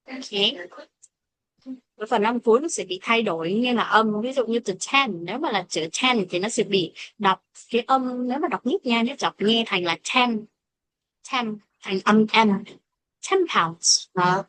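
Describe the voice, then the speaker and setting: A woman teaching an English pronunciation lesson, speaking English with a Vietnamese accent and slowing down to model example phrases. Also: on the high side, a bit bright, dry recording. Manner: switches between explanation and slow modeled English examples. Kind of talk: classroom lesson explaining pronunciation.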